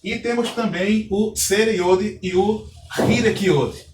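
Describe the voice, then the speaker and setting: Male teacher, fairly high voice, patient and repetitive, recorded from a distance. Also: slow, background noise. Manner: patient, repeats key points, asks the class questions. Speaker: Hebrew teacher. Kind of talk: recorded lesson, explaining step by step. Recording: echoey room, distant from mic.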